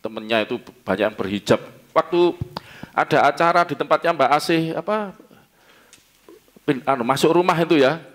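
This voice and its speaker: A man's voice: on the high side, animated, normal speed, long pauses, a bit bright. A middle-aged man with a Javanese accent preaching a casual, joking sermon in a church service, often laughing and asking the congregation questions. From East Java. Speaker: pastor. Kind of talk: conversational sermon.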